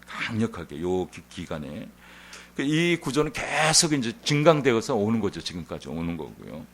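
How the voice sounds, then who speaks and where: A male pastor preaching a Sunday sermon in an animated, conversational storytelling manner. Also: lowish voice. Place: church sanctuary.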